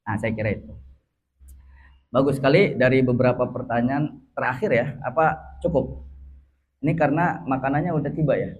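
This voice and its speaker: A man giving a casual religious study talk as teacher, lively and joking with his audience. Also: medium pitch, a little fast, pauses often, breathy edge. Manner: lively, jokes and laughs with audience. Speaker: Islamic teacher.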